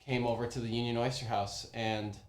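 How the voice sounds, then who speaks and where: A young man casually telling a personal story, animated, with many ums and restarts. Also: medium pitch, fairly quick. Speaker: former oyster bar worker telling a story. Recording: roomy echo.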